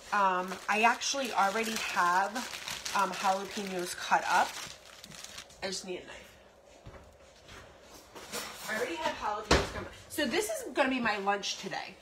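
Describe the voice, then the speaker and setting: Woman, forties, casual vlog, home kitchen, phone mic, rambling, noisy recording. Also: medium pitch. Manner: chatty, rambling, with frequent ums and self-repeats. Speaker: vlogger. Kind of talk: casual grocery haul vlog. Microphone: phone camera at arm's length.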